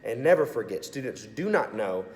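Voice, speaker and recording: Sounding congested and sore-throated, this youth pastor, an assistant pastor of student ministry, delivers a cheerful, casual video message. His medium-pitched voice swings widely in pitch at a moderate pace and has a slightly mellow quality. The room is echoey and reverberant.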